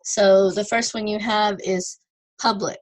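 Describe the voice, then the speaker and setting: A woman's voice: medium pitch, fairly even intonation, unhurried, rough recording. A woman teaching an online ESL lesson, patiently sounding out words syllable by syllable and repeating them.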